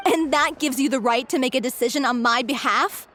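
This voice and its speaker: An actress playing a proud, determined lead actress in a video game, firm and indignant. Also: female voice, high-pitched, brisk, fairly bright tone, a little hiss or hum. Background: game music.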